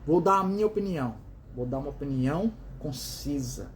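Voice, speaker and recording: A man with a Brazilian accent hosts a motivational talk, speaking fairly quickly and animatedly in a slightly high, slightly mellow voice over a little hiss or hum. He's emphatic, repeating words in runs, answering his own questions, and calling his listener "dear."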